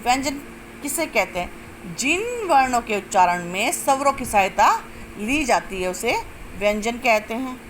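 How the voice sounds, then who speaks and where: A woman teaching a grammar lesson step by step, asking questions and answering them herself, and drawing out sounds slowly to show them. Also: fairly high pitch, sing-song, a little hiss or hum, poor audio. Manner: explains step by step, asks and answers own questions. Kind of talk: classroom-style lesson.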